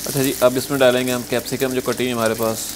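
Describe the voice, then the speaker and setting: A man cooking at a restaurant stove, calmly walking through each recipe step and saying "achha ji" between steps. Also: mid-range voice, fast. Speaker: cooking show chef. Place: restaurant kitchen at a gas stove. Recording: loud sizzling frying noise behind.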